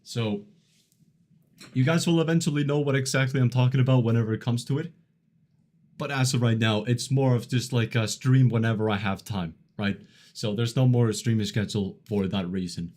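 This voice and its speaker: A man in his early twenties talks to his live-stream chat in a loose, rambling way. He often chuckles and leans on fillers like "like" and "you know". His voice sits in an ordinary middle pitch. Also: a little mellow. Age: 20s. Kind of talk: casual live-stream chat reading chat messages.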